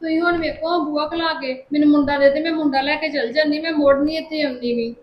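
A woman's voice: sits high, fairly even intonation, quick pace, echoey room, lo-fi sound, close to an everyday voice. A woman playing an aunt who insists on keeping her nephew. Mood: pleading. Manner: insistent, pleading. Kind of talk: family drama acting.

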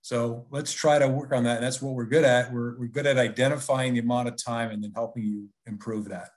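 Male webinar presenter, conversational and persuasive, average pitch. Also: steady tone, fairly quick. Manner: conversational, persuasive, with frequent restarts.

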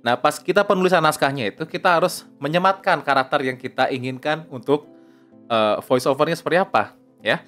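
A man's voice: on the high side, a little fast, fairly bright tone, soft background music. A young man giving a casual spoken tutorial on voice-over, chatty, often tagging "ya" and "oke", dropping in English phrases. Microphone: close lapel mic.

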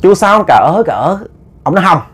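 Animated man storyteller. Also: a little high, a little fast. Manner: animated, stammering repeats while acting out scolding quotes. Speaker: ghost story narrator. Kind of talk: casual spoken storytelling.

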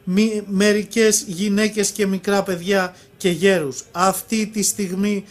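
A man with a voice that sits high reads a religious prophecy aloud at a steady pace, occasionally stumbling over a word and starting it again.

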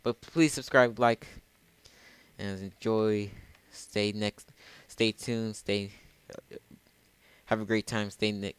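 A man's voice: on the low side, steady tone, takes it slowly, long pauses, smooth, no room sound. A man hosting a casual let's play, rambling and often correcting himself. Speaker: gamer, channel host.

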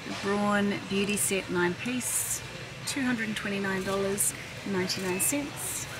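At a measured pace, a middle-aged vlogger thinks aloud while shopping in a large indoor warehouse store, keeping her narration casual and chatty. The handheld camera, held by an operator behind it, picks up heavy store ambience, rumble and a constant hum.

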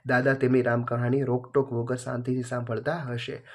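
Flat-voiced man reading lesson answers. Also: mid-range voice. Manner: steady, flat reading with small pauses. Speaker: teacher. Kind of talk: reading out workbook questions and answers.

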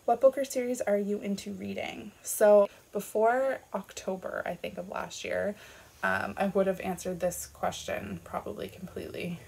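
A woman's voice: medium pitch, fairly even intonation, moderate pace, creaky, a little mellow, slightly rough. A Canadian woman in her late twenties, chatting casually on her vlog, filling her talk with "like" and "um" and laughing at herself. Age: 20s. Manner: chatty, filler-heavy, self-deprecating with frequent laughs. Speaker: booktuber.

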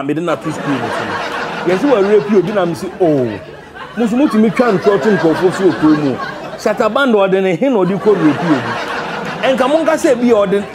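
A man with a Ghanaian West African accent hosts a satirical comedy news show. His voice sits very high for a man and he speaks theatrically, repeating phrases for effect. Noise and crowd sound sit behind his voice. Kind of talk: comic satirical news commentary. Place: indoor TV studio set. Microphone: lapel mic.

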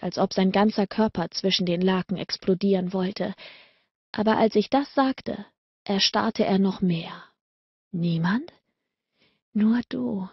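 A woman narrating a romance audiobook in a slow, measured, intimate reading. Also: mid-range voice, slightly rough, no echo, highs cut off.

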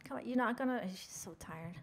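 This Norwegian streamer speaks fairly quickly in a voice on the high side, with slight background noise behind her. The young woman, who has a Norwegian accent, playfully chats with viewers as she narrates her game character.

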